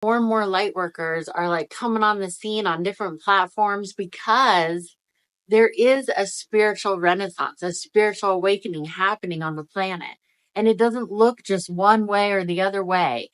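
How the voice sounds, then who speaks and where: Casting: woman, medium pitch, motivational vlogger, emphatic and encouraging, mouth numb from dental work, words coming out of the corner of the mouth. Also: moderate pace, fairly bright tone. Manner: talking out of the side of the mouth. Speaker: spiritual energy-reading video host. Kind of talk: casual motivational talk to viewers.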